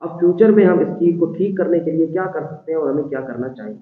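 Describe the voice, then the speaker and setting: A man's voice: a little high, reverberant. Man interviewing over a tinny line. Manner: recaps answers before asking the next question. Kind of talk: interview questions.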